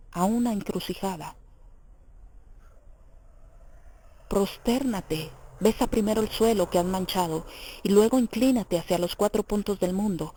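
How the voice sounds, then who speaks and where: A woman's voice: mid-range voice, dark tone, slightly rough, low-quality recording. A woman reading the part of a devout young woman in an audiobook, pleading and urgent. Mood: fervent.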